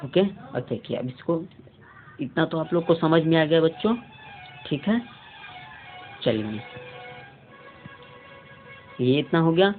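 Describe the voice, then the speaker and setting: Low-pitched female tutor, patient and slow, repeats words for pupils, thin phone-quality line. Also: lively intonation, soft background music. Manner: repeats words slowly, drilling pronunciation for children. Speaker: English teacher. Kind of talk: online grammar lesson in Hindi. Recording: lo-fi phone-like audio, faint hum.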